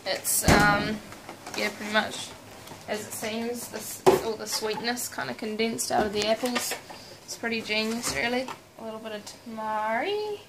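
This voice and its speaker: Speaking a little slowly in a fairly high voice, a young woman in her twenties hosts a relaxed home cooking vlog. She's talkative and playful, mocking herself along the way, and is filmed close up in a small kitchen at night, where the noisy recording picks up loud clatter of pots, cutlery and dishes.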